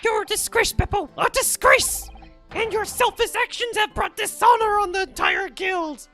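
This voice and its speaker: Woman playing a shrill, bossy guildmaster. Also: animated, normal speed, a bit bright, faint music behind, exaggerated voice. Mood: outraged. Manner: emphatic, scolding. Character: shrill, indignant omnibus guild boss, scolding and bossy. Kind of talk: hobby video game dub.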